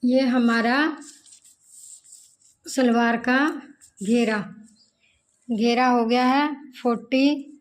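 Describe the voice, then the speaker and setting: A woman teaching tailoring in a slow, repetitive sewing tutorial, counting measurements aloud as she cuts fabric. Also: a little high, little pitch movement, poor audio.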